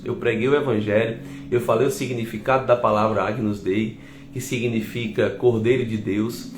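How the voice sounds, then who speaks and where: A man's voice: mid-range voice, a little hiss or hum. A middle-aged man, a pastor with a Brazilian Portuguese accent, telling his testimony as a sermon, often turning to the congregation. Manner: lively storytelling, often addresses the congregation. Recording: echoey hall with faint music.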